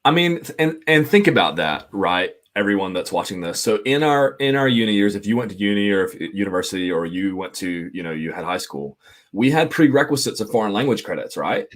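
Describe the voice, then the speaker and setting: A man co-hosting a casual podcast discussion, animated and quick to laugh. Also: lowish voice. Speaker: podcast co-host.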